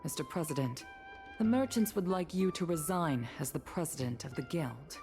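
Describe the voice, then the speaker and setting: An actress playing a calm, authoritative woman commission official who speaks diplomatically. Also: low voice, moderate pace. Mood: composed. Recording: game audio over loud music.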